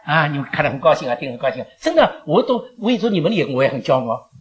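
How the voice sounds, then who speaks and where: An older woman talks to her congregation at a church gathering, her pitch leaping widely as she goes. She rambles, laughs often and drops in English phrases. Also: sing-song, rapid-fire. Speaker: elderly church member giving thanks. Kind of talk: emotional speech to a congregation.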